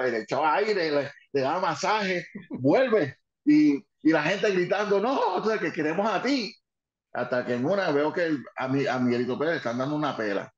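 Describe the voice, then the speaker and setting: An older man, a former wrestling manager telling lively stories and slipping English phrases into his talk. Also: on the high side. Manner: lively, mixes in English phrases, many restarts. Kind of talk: animated anecdote telling. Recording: dull, roomy recording.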